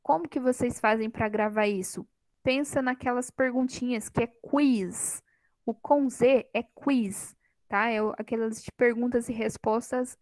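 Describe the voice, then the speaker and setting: A Portuguese teacher gives a classroom grammar lesson over a microphone, quizzing her students and gently teasing them. Her voice is a little high with a darkish tone, and the recording is dry and poor in quality.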